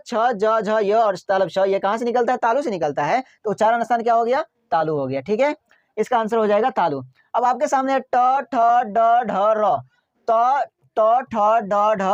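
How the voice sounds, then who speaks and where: Slow, drilling grammar teacher, lo-fi. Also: medium pitch, darkish tone, no echo. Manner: asks questions and answers them herself, drilling by repetition; slow, deliberate and emphatic. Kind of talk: grammar lesson. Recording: dull lo-fi dry recording.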